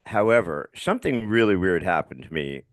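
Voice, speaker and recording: A middle-aged man with a slight lisp tells stories as a podcast guest, frank and self-deprecating. His voice sits low but swings widely in pitch. The sound is dry and close. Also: lively intonation, a little fast, no room sound. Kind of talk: conversational interview.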